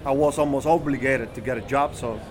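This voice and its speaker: Cuban man in a noisy bar. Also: medium pitch. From Cuba. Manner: halting, rephrasing often. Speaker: guest, cigar maker. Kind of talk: casual interview. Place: cigar bar. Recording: busy bar crowd behind. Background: crowd chatter.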